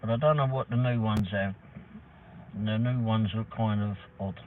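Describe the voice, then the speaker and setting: On the low side and fairly even in intonation, the voice belongs to a middle-aged English delivery driver casually hosting a wandering livestream with some mild swearing. He keeps a moderate pace; the recording sounds tinny, like a phone, with a faint noise floor.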